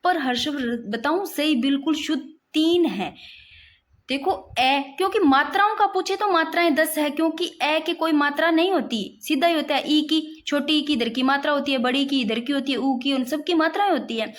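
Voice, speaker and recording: A woman's voice: high voice, normal speed. A young woman teaching Hindi grammar in a casual, insistent way, often saying "look" as she writes out examples. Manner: repeats "dekho" often, insistent and explanatory, writes while talking. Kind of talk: casual classroom explanation.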